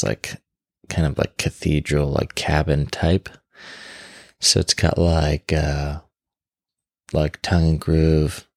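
A man's voice: a bass voice, gravelly, no echo, clean studio sound. A man hosting a casual solo podcast, talking in a rambling, unscripted, informal way and sounding tired. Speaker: podcast host. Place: bedroom in a new home, on his bed.

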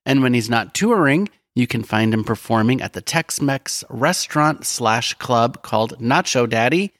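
A man co-hosting a podcast, talking about songs in a relaxed, friendly way. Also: medium pitch, moderate pace, no echo, studio quality. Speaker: podcast co-host. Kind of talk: casual chat.

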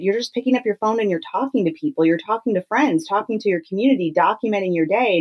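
A woman's voice: mid-range voice, lo-fi sound. A woman hosting a solo podcast, teaching in a conversational, emphatic way and repeating phrases to drive points home. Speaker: podcast host. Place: home clothes closet used as podcast booth.

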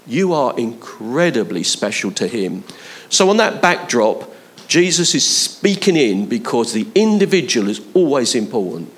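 A man preaching a conversational sermon, building to emphatic appeals to his listeners. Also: medium pitch. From London, England.

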